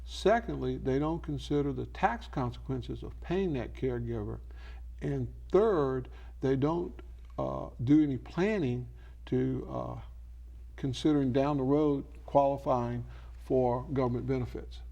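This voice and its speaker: In a muffled recording, an elder law expert speaks unhurriedly in a mellow, creaky, medium-pitched voice during an infomercial interview. He advises didactically, putting questions forward and then answering them on his own.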